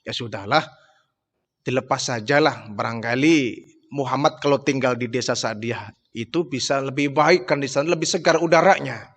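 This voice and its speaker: A man voicing a calm, kindly elderly grandfather who settles the matter in a retold story. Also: medium pitch, normal speed, voice pushed down. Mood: relaxed agreeing. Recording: long hall reverb.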